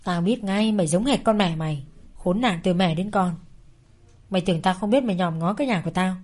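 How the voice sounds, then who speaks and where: Storybook villain: woman playing a cruel older mother-in-law, shrieking insults, rapid and loud, warm low timbre underneath. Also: natural voice. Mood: venomous, screaming.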